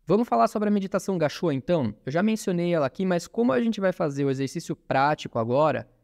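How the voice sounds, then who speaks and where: A Brazilian man guiding a meditation in a calm, soothing, unhurried manner with gentle pauses. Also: on the high side, dry recording, clean studio sound. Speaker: meditation guide and podcast host. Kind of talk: guided meditation. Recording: voice over new-age music. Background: new-age music.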